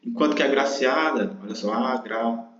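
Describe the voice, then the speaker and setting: A man of middle pitch walks through an exam-prep grammar lesson, patiently explaining and checking in with the listener. His voice sounds roomy and slightly dull, as if recorded lo-fi in an echoing room. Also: fairly quick, a bit bright, a little hiss or hum. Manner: explanatory, frequent tag questions. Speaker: teacher.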